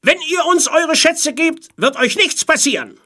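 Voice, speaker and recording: A storybook pirate captain who tries to sound fierce but keeps stumbling over his words, put on by a reader. The voice jumps far up, loud and bright, swinging wildly in pitch. He bluffs and bargains rather than threatens. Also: very animated, unhurried, full character voice. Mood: commanding. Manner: hesitant, stammering with fillers. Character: blustering but nervous pirate captain, male. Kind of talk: storybook read-aloud.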